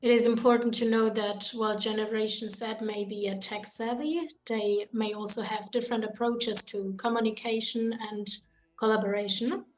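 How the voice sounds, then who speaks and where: A young woman from Germany hosting a student podcast, reading prepared points in a measured way. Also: fairly high pitch, fairly even intonation, rough recording. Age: young adult. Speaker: podcast host. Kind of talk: student podcast, read from notes.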